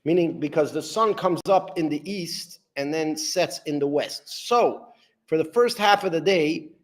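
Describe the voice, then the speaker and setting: A man's voice: fairly high pitch, a little slow. Rambling male rabbi lecturer. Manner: repetitive, rambling, asks rhetorical questions. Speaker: rabbi teaching Talmud. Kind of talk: explanatory lecture.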